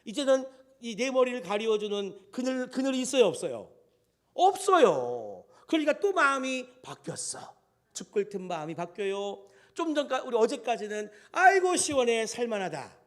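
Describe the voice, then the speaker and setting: A male pastor delivering a Sunday sermon and turning often to his congregation to speak to them directly. His voice is high for a man and moves through a very lively pitch range. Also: normal speed. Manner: animated, addresses the congregation directly.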